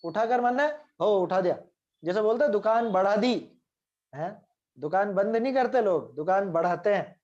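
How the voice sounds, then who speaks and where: A man's voice: sits high, normal speed, darkish tone, muffled recording. A man giving a religious scripture lecture. He explains at length and keeps checking in with his listeners through short tag questions. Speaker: scripture teacher.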